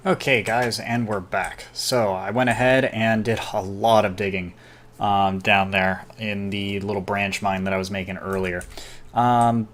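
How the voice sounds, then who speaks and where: A casual gamer narrating his own gameplay, chatty and self-deprecating, with excited outbursts. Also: sits low, slight background noise. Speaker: gameplay commentator. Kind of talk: casual let's-play commentary.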